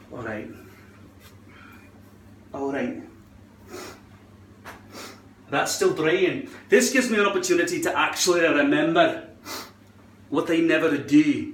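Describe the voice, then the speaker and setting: A man with a slightly high voice puts on a wobbly fake Scottish accent for a rambling, casual tutorial on hairpiece adhesive. There's slight background noise and an echoey indoor feel, and he repeats himself and curses occasionally.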